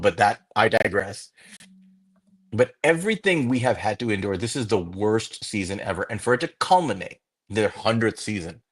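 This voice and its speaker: A man co-hosting a fan sports podcast, giving an impassioned, profane rant that builds into angry shouting. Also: lowish voice, breathy edge. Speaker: podcast co-host.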